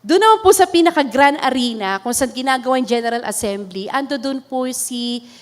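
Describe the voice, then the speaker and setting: A woman pastor with a Filipino accent giving an earnest sermon testimony, switching between English and Tagalog and laughing softly now and then. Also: sits high, animated, brisk. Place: church hall. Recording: long reverb of a hall.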